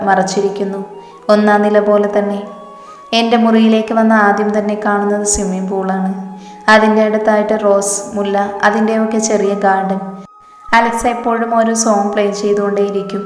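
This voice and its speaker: Woman, story narration, playful character voices, echoey room, faint music. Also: medium pitch.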